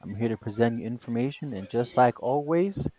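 A man's voice: mid-range voice, lively intonation, fairly quick, warm tone. A man co-hosting a casual podcast who rambles with many fillers and restarts. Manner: rambling, hesitant, full of fillers. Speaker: podcast co-host.

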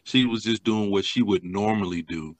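A man co-hosting a podcast, making calm, brief remarks in a casual movie chat. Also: on the low side, normal speed, no room sound. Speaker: podcast co-host.

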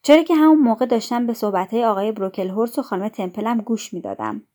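Woman calmly narrating a story. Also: a little high. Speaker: audiobook narrator. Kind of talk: scripted first-person story narration.

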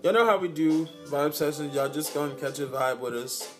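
A man's voice: on the high side, brisk. A man co-hosting a casual podcast, slangy and playful, laughing often as he talks. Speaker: podcast co-host. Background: music playing.

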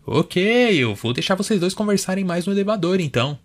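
A man's voice: high-pitched, lively intonation, a little fast, pitched above the performer's own voice. A man voicing a smug male coworker who talks in a breezy, condescending way. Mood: patronizing.

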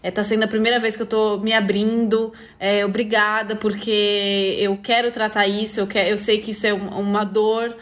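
A woman's voice: medium pitch, flat delivery, moderate pace, few pauses. A woman hosting a podcast, talking in an earnest, reflective way with many fillers. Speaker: podcast host. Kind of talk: casual podcast conversation.

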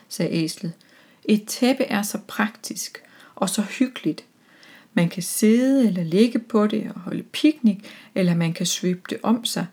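A woman's voice: mid-range voice, mellow, husky, close to an everyday voice. A woman voicing a caring donkey who offers a friend a blanket, in a children's story.

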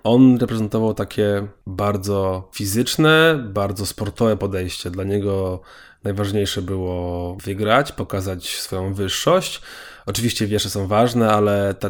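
A man being interviewed as a documentary maker, explaining things in a measured, detailed way. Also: fairly low pitch. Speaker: documentary filmmaker guest.

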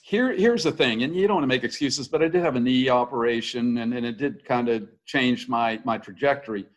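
An American man over sixty, appearing as a podcast guest, speaks candidly with a touch of self-deprecation in a casual interview. His medium-pitched voice moves fairly quickly, and his stories come in loose, conversational runs, often restarting sentences mid-thought.

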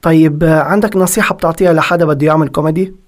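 A man's voice: fairly high pitch, fairly even intonation, very fast. A man with a Lebanese Levantine Arabic accent hosting a casual interview and putting questions to a guest. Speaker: interview host.

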